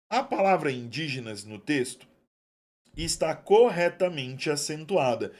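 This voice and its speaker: Young male teacher, slightly high voice, chatty exam-prep style, stretches key terms. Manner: chatty and affectionate, drawn-out stresses on key terms. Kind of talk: online exam-prep lesson.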